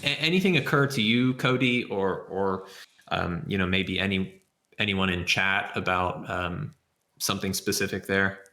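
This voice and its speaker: A low-pitched man with a bright, forward tone works through his answer aloud, one step at a time, as if demonstrating on screen. His voice rings in an echoey room, and keyboard typing clicks in the background. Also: moderate pace. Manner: thinking aloud, explains step by step. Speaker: software developer answering questions. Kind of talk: live Q&A with screen demo.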